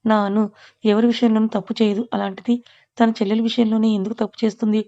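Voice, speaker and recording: A woman's voice: a little high, flat delivery, quick pace, dark tone, highs cut off, close to an everyday voice. A woman voicing a stern, protective young husband who scolds firmly. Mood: scolding.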